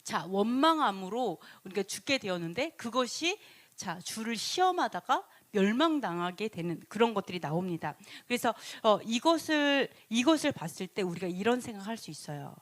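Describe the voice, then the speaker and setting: A woman teaching a sermon in a casual, animated way, acting out grumbling voices in her talk. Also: moderate pace. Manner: acts out complaining voices with big pitch jumps and laughs. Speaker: Bible teacher.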